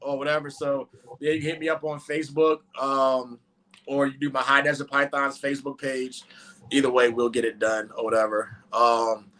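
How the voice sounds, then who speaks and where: Casting: man, bright and tense tone, joking live-stream host with auctioneer patter. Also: medium pitch, monotone, normal speed, low-quality recording. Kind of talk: casual live-stream chat.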